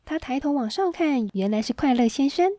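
A woman storyteller reading a children's story aloud in a gentle, expressive way, on a close mic. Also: high voice, brisk, no echo.

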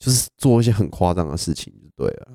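A young man with a Taiwanese Mandarin accent, co-hosting a podcast and telling stories in a lively casual way, laughing often. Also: low voice, fast talker, no room sound, studio quality. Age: young adult. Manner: animated storyteller, laughs often. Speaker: podcast co-host. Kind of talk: casual storytelling chat.

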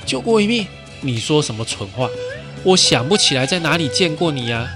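A man playing a rough, hot-tempered male bandit in a storytelling podcast. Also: medium pitch, lively intonation, fairly quick, music in the background, lightly acted. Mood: furious.

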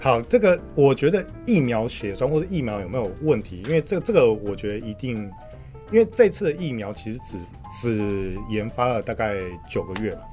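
A man with a Taiwanese accent chats casually as a podcast guest, in a halting way, often repeating short words of agreement in quick bursts. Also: medium pitch, expressive, darkish tone. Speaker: guest market commentator. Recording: music playing under the talk.

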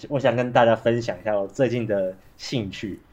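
A man's voice: mid-range voice, a little fast, a little mellow, muffled recording. Taiwanese man with a cold, talking through a face mask. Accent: Taiwanese Mandarin. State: has a cold with a cough. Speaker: podcast co-host. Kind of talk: casual chat.

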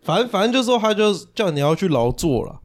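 A man's voice: high voice, very animated, quick pace. A young man with a Taiwanese Mandarin accent co-hosting a casual podcast, easygoing and agreeable, swearing casually. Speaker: podcast co-host. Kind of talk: casual chat.

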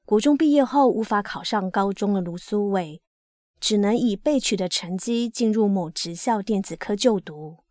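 A woman reading a life story aloud as scripted narration, in a steady, even storytelling manner. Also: medium pitch, moderate pace, no room sound, studio quality. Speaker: reader.

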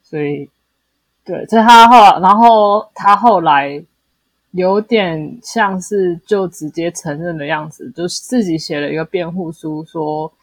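Co-hosting a podcast's casual book discussion, a woman with a Taiwanese Mandarin accent and a lowish voice explains things hesitantly at a measured pace, often correcting herself and repeating affirmations. The recording is rough, with no room sound.

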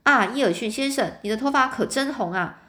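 A woman putting on a small red-haired man in a storybook, all fussy courtesy and repeated phrases. He flatters and soothes, with a voice that sits fairly high. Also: brisk. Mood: smooth, polite. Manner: ingratiating, repeats his words.

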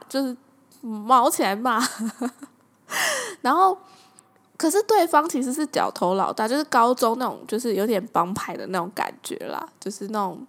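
Podcast host, young Taiwanese woman, slightly high, chatty, laughs often. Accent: Taiwanese Mandarin. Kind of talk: casual storytelling monologue.

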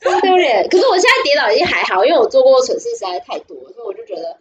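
This is a young woman co-hosting a podcast in a casual storytelling chat, speaking with a Taiwanese Mandarin accent. She's very fast and sing-song, with a high-sitting voice, and her delivery is giggly and rambling, full of restarts. The recording has its highs cut off and a little hiss or hum.

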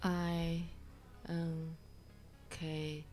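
A student in an English lesson, slowly sounding out letters and words and asking how they go together. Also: medium pitch, monotone, a little mellow, faint music behind. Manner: slow, tentative, sounds words out. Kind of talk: casual spoken English lesson.

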